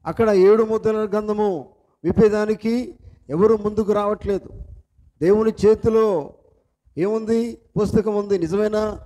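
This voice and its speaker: A man preaching with a high-pitched voice that still sounds mellow and soft-edged. He is a pastor with a Telugu accent who keeps putting questions to his congregation. His phrasing is repetitive and strongly emphatic. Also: steady tone, a little slow, pauses often. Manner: asks the congregation repeated questions. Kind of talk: sermon.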